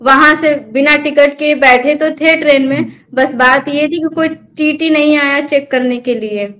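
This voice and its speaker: A young woman with a high voice tells a long personal story in a conversational interview. She speaks earnestly, in a plain storytelling way. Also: measured pace, a bit bright. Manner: earnest, storytelling, addresses host as bhaiya. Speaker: guest devotee telling her experience.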